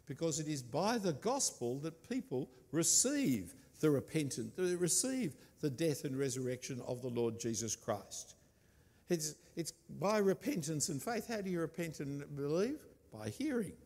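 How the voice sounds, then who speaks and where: Man, preacher, emphatic sermon delivery, somewhat high voice, echoing church hall. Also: big pitch swings, darkish tone. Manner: emphatic, repeats key words deliberately.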